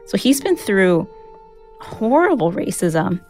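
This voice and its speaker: An American woman from the United States, a native Mandarin speaker, tells a personal story in a relaxed, chatty way, peppering her speech with "like" and "you know." Her medium-pitched voice is sing-song, slow and slightly mellow, with faint music playing behind her.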